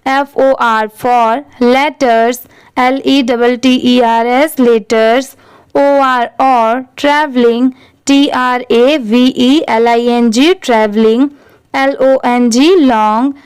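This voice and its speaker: A woman's voice: a little high, steady tone, very slow, smooth, no echo. A woman teaching English reading, spelling each word out letter by letter and then saying it whole. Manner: spells words letter by letter, then repeats them. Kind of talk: slow spelling-out reading lesson.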